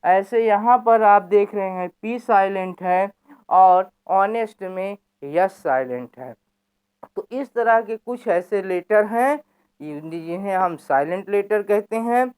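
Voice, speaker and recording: A woman's voice: medium pitch, slow pace, darkish tone, clear, resonant tone. A woman teacher explaining a lesson, asking questions aloud and answering them herself.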